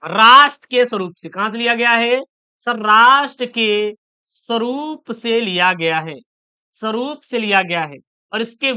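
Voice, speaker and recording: Man, exam-prep teacher, smooth clear voice, repeats answers slowly, reassuring. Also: high-pitched, sharp tone. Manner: reassuring, repeats key answers slowly, asks and answers own questions. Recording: dull lo-fi sound.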